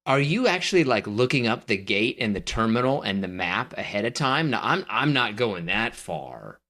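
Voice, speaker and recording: On a casual podcast chat, a male co-host teases his partner, judging him and handing out scores. His fairly low voice sounds pushed and bright, swinging widely in pitch at a normal speed.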